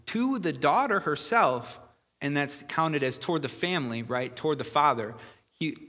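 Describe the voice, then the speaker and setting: A man's voice: medium pitch, bright, forceful tone. A man preaching a conversational sermon, explaining earnestly with frequent fillers and restarts. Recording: long hall reverb.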